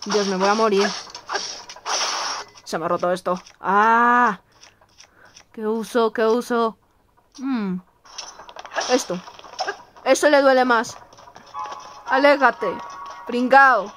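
Nervous high-voiced woman gaming host. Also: slow, pauses often, background noise. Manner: jittery, exclaiming, apologizing to viewers. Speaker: gameplay video host. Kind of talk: let's-play commentary.

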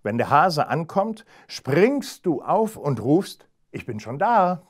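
A man doing a calm, crafty storybook hedgehog. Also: on the high side, takes it slowly, pitched above the performer's own voice, heavily acted. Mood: scheming. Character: clever, stubborn male hedgehog.

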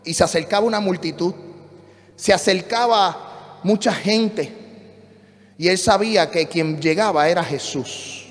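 A male pastor preaching a fervent sermon in a church, swinging between shouted refrains and hushed teaching. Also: high-pitched, unhurried, pauses often. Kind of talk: passionate Spanish sermon. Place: church sanctuary. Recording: reverberant church hall with music.

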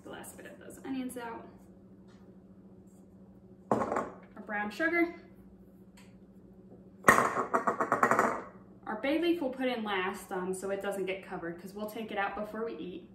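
Heavy background noise surrounds this medium-pitched young woman as she slowly explains a recipe at home, leaving long pauses and using many fillers. A far tripod camera picks her up, giving roomy, distant sound.

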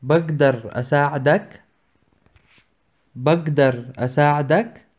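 A man's voice: fairly high pitch, fairly quick, darkish tone. A man with a Levantine Arabic accent reading short example phrases for a language lesson.

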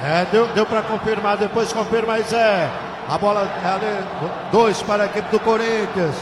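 A Brazilian man calls football play-by-play in a high-pitched voice, excitable and colloquial, leaning on stock phrases. The sound is echoey and noisy, as from a live stadium stand. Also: normal speed. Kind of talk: Brazilian football radio narration. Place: open stadium press stand. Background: stadium crowd ambience.

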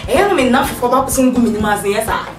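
A woman's voice: fairly high pitch, animated, fast talker, close to an everyday voice. A woman with a Ghanaian West African accent playing a boastful, bossy, showy boss in a comedy drama. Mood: indignant. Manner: showy, exclamatory, mixing pidgin and local phrases. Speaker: actress in a comedy series. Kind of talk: improvised comedy drama dialogue. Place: large furnished living room indoors. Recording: roomy, distant mic, loud music behind.

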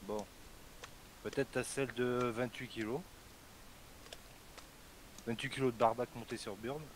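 A man's voice: medium pitch, fairly even intonation, unhurried, slight background noise, poor audio. A man chatting and teasing his friends over voice chat while playing a fishing game. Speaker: gamer commentating. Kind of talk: casual group chat over voice call.

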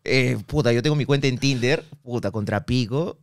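A man's voice: medium pitch, moderate pace. A man in his thirties with a Peruvian accent, chatting as a podcast guest, telling stories in slangy talk and acting out the other voices in them. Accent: Peruvian Spanish. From Peru. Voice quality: animated storyteller, acts out dialogue, slangy. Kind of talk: casual chat.

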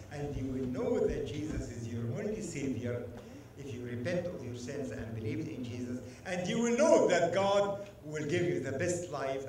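A man preaching a sermon as guest speaker, emphatic and animated, drawing the congregation into call-and-response. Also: medium pitch, slight background noise. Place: church sanctuary. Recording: echoey church hall, mic at a distance.

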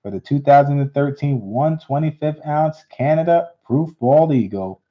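A man hosting a live coin auction, repeating bids in steady auctioneer patter. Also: on the high side, moderate pace. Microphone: unseen, hands on camera. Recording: dull lo-fi stream audio.

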